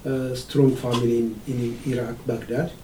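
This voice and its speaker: A man speaking as a radio guest in halting, broken phrases. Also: mid-range voice, flat delivery, warm tone. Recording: distant roomy mic with faint noise.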